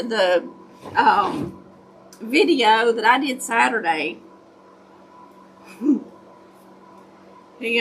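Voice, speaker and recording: Casting: folksy hillbilly woman, Southern US accent, unhurried and fairly high voice, casual craft-stream storyteller. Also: slight background noise, poor audio. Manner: folksy, self-described hillbilly country talk. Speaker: craft livestream host. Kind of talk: casual chat, storytelling to live viewers.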